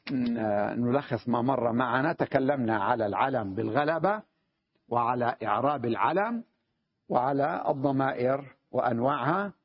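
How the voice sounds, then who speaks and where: A man teaching an Arabic grammar lesson in a classroom style, repeating key phrases slowly and often checking that his students follow. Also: mid-range voice, breathy edge, no echo. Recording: dull lo-fi dry recording.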